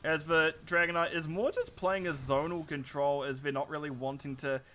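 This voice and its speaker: A man calls a live esports match in a bright, forceful voice that sits a little high for a man. He is chatty and excitable, with quick laughs between calls, over a faint hiss behind him. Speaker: esports caster. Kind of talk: live play-by-play commentary.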